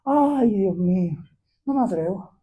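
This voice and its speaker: A hesitant churchgoer full of excuses, speaking meekly and doubting himself, as a preacher puts him on. The voice is soft and unsure. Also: male voice, high-pitched, animated, unhurried, pitched below the performer's own voice, poor audio. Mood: timid.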